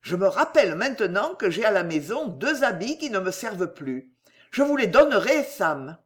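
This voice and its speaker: A woman voicing a timid young gentleman panicking on ice skates, pleading and stammering. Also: mid-range voice, sing-song, moderate pace, close to an everyday voice.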